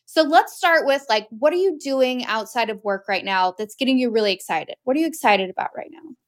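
Upbeat high-voiced woman podcast host. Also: animated, fairly quick. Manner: upbeat, smiling delivery. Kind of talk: casual podcast chat and ad reads.

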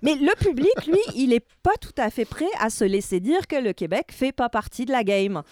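A woman's voice: on the high side, normal speed, dry recording. Lady culture columnist, emphatic, laughs a lot, dry close mic. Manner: animated, laughs often, emphatic. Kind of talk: casual radio chat.

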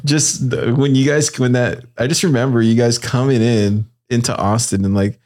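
A man's voice: mid-range voice, fairly even intonation, moderate pace, a little mellow. A man hosting a casual podcast chat, laid-back and rambling with lots of fillers. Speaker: podcast host. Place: car.

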